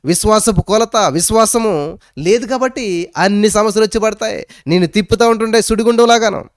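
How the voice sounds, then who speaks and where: A pastor delivers a sermon at a fairly quick pace, captured in clean studio sound without any room sound. His voice surges and drops suddenly in pitch and volume as he presses his points, slipping English phrases in along the way.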